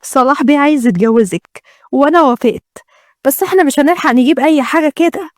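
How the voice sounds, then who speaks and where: A woman's voice: sits high, quick pace, dry recording, close to an everyday voice. A woman with an Egyptian accent voicing a pushy mother arranging her daughter's marriage. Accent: Egyptian Arabic.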